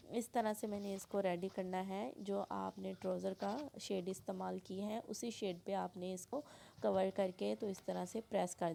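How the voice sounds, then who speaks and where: A woman teaches sewing step by step. Her sore throat makes her voice gravelly, and she clears it now and then. The tone is dark and mellow, with a faint hum of room noise behind her. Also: mid-range voice. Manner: plain instructional, frequent throat clearing. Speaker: sewing instructor. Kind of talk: step-by-step tutorial voice-over.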